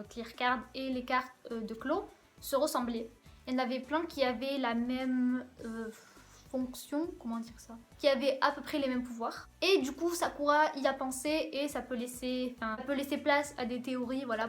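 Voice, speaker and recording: A woman talking casually in a vlog, her voice sitting high. She stops often to search for words and doubles up words when she wants to stress them. Faint music plays quietly behind her. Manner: hesitant, filled with frequent "euh" pauses; repeats words for emphasis. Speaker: anime reviewer.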